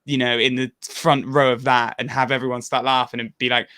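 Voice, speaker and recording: A man's voice: medium pitch, level tone, brisk, sharp tone, no echo, studio quality. A man co-hosting a reaction video, talking bluntly and animatedly with frequent laughs. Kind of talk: casual chat.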